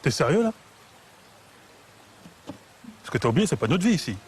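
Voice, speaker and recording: Cocky, wildly animated city guy. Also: on the high side, racing, slight background noise. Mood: annoyed. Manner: slangy, casual, griping. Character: cocky, grumbling modern city guy trapped as slave. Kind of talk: film comedy acting.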